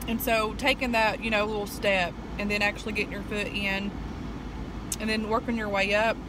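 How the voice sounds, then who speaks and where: Female casual mukbang vlogger, halting and chatty, chews while speaking, mid-pitched, noisy setting. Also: steady tone. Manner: halting, rambling delivery with short phrases. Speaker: vlogger, nursing assistant.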